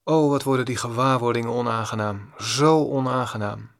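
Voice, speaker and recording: A man delivering a spiritual discourse as a meditation teacher. His mid-range voice has a gravelly rasp, and he speaks slowly and deliberately, returning to the same points again and again. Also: mid-range voice, steady tone. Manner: slow, deliberate, repetitive. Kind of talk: read-aloud spiritual discourse.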